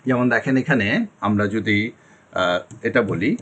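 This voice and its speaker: A man's voice: lowish voice, normal speed, a bit bright, muffled recording. A young man teaching an online English pronunciation lesson, explaining each sound and repeating it, and often checking that the class follows.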